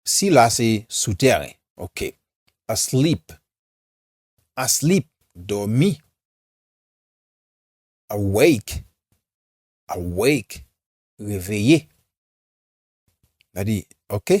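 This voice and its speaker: A man's voice: fairly low pitch, husky, no echo, clean studio sound. A man with a Haitian accent teaching English vocabulary, saying each word several times and then translating it. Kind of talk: slow vocabulary drill with repetition.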